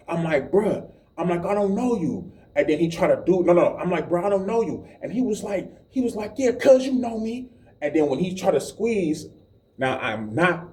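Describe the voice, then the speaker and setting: A man's voice: warm tone, far from the mic. A man telling his testimony as a vivid street story, playing out each exchange. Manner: vivid street storytelling, acting out quotes in a higher voice. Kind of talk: animated spoken testimony.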